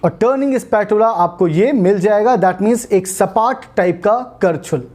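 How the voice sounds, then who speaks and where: A woman with an Indian accent teaches a spoken English lesson. Her voice is warm and mellow at a middling pitch. She explains patiently and slows down to spell out each word.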